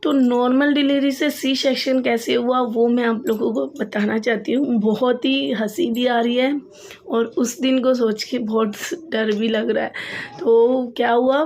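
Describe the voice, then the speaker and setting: A young woman with a slightly high voice tells a personal story straight to her viewers. She talks in a loose, chatty way and keeps repeating phrases for emphasis. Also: steady tone, measured pace, a little mellow. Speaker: vlogger. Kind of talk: casual storytelling to camera.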